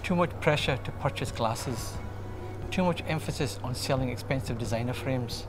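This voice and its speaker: A man's voice: mid-range voice, normal speed, music in the background. A man in his forties from Glasgow, giving a testimonial of his views. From Glasgow, Scotland. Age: 40s. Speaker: community member giving views. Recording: clear background noise.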